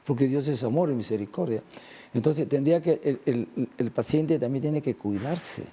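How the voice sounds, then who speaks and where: A man's voice: medium pitch, moderate pace, mellow, slightly rough. A man in a conversational religious talk, discussing faith and healing and retelling gospel scenes with acted-out quotes.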